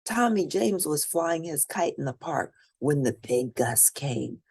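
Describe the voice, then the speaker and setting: Here a woman with a deep, slightly rough voice reads a children's picture book to young listeners. She tells it with expression and animation, stopping to point out the pictures along the way.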